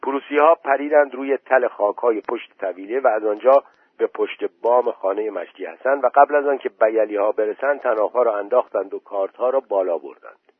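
A man narrating a story aloud in a steady, measured audiobook reading. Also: on the low side, breathy edge, dry recording. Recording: tinny phone-like recording.

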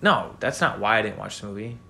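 A man's voice: lowish voice, lively intonation, fast talker, gravelly, bright, forceful tone, a little hiss or hum. A man in his twenties co-hosting a podcast, rambling and swearing in casual chat with lots of fillers. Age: 20s. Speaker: podcast co-host.

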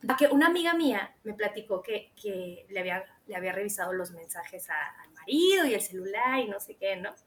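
A woman's voice: mid-range voice, fairly quick, hardly any pauses, a little hiss or hum. A woman with a Mexican Spanish accent chatting casually as a podcast co-host, acting out her own quotes as she tells stories. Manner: animated storyteller, acts out her own quotes. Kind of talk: casual chat.

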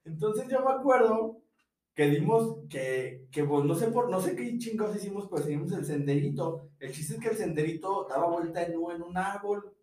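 High-voiced Mexican man telling a story. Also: expressive, moderate pace, a little mellow, recorded from a distance. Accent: Mexican Spanish. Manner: slangy, laughing, acts out dialogue. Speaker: podcast co-host. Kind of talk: casual storytelling chat. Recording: echoey room, away from mic.

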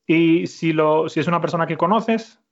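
A man teaching a Spanish lesson, speaking slowly and clearly and repeating his student's answers. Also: on the high side, lo-fi sound. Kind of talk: conversational language lesson.

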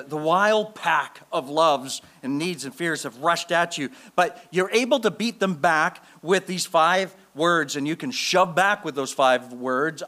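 Canadian pastor preaching with slow emphasis. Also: male voice, on the high side, bright, forceful tone. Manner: slow emphatic repetition of key phrases. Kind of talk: sermon. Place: church sanctuary.

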